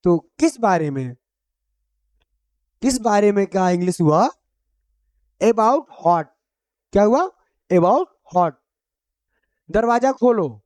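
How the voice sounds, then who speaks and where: Slow, patient Hindi-speaking English teacher man. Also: high-pitched, animated, darkish tone, no room sound, clean studio sound. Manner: drills each phrase with repeated quiz questions; simple, homely explanations. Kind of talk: Hindi-language English lesson.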